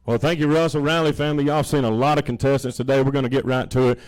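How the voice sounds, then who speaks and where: A man's voice: mid-range voice, fairly even intonation, quick pace, a little mellow. A man with a Southern US accent, giving a short address as an auctioneer contestant into a close microphone. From Alabama, United States. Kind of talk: thank-you speech at a live auction. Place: indoor livestock auction arena. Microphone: stand microphone held close.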